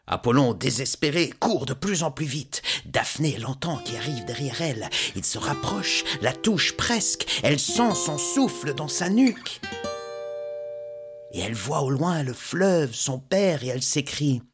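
Brief: male storyteller, lively rising and falling voice, unhurried, guitar plays behind. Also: mid-range voice. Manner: expressive, measured storytelling. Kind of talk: storytelling narration. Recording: narration over guitar music.

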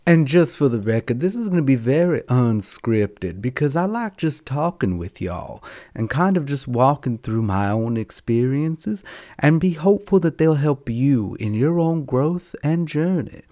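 A man with a campy, theatrical auntie-like manner and drawn-out words, talking casually and unscripted to his podcast listeners. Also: medium pitch, sing-song, mellow, no echo, clean studio sound. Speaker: podcast host and storyteller.

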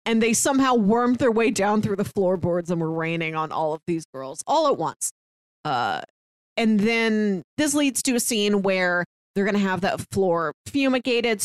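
A woman with a mid-range voice, recorded without echo, co-hosts a podcast. She chats casually about a film, dropping frequent "like" fillers and playful sarcasm.

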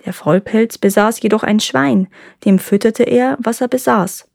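Brief: a woman storyteller, calm and measured fairy-tale reading, close and dry. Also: fairly high pitch, creaky, no echo. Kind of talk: reading a folk tale aloud.

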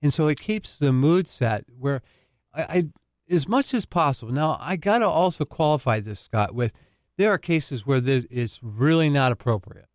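A man's voice: on the high side, lively intonation, moderate pace, no echo, clean studio sound. A male counselor talking casually on a radio show, explaining and laughing easily. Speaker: family counselor, guest.

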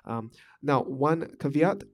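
Slow yet animated, a man from Malaysia with a mid-range voice works through management concepts on his podcast. He speaks in a casual, thoughtful monologue marked by fillers and restarts.

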